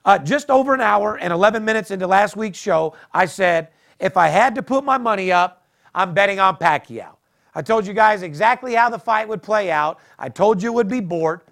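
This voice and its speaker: A man's voice: high voice, expressive, normal speed, a bit bright. A man hosting a sports betting podcast, talking in a boastful, profane, hard-selling way. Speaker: podcast host.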